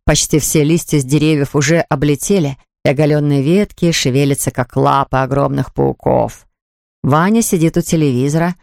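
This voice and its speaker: Woman narrator, steady storybook reading, lower voice, dead-dry booth. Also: moderate pace, gravelly, no echo. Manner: steady, descriptive.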